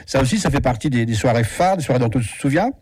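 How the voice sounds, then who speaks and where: A radio host chats with his guest in a relaxed, friendly manner. His voice is mid-pitched and ordinary. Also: quick pace, husky, dry recording. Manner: friendly, conversational questioning. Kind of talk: radio interview.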